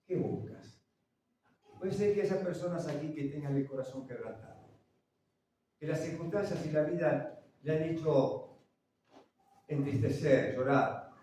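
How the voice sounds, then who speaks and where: A man preaching a sermon, swinging between loud, urgent lines and hushed ones and putting questions to the congregation. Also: on the high side, a little slow, long pauses, slight background noise. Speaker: pastor. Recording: very echoey church, from far off.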